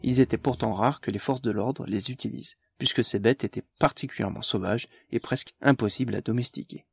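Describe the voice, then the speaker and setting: A man narrating an audiobook in an even, measured way. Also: mid-range voice, creaky, breathy edge, dry recording, studio quality.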